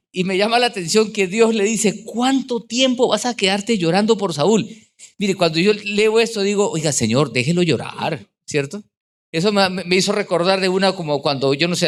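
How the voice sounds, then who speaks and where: Man, pastor, sermon, high-pitched, conversational, middle-aged. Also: fairly bright tone. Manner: conversational preaching, asking the congregation questions.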